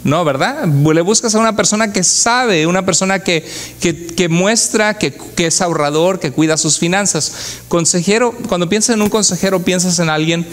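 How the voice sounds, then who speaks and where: A man preaching from the pulpit with a voice pitched a little above the usual male range. He speaks with fervor and often turns to his congregation with rhetorical questions, as a pastor delivering a church sermon does. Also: normal speed, fairly bright tone.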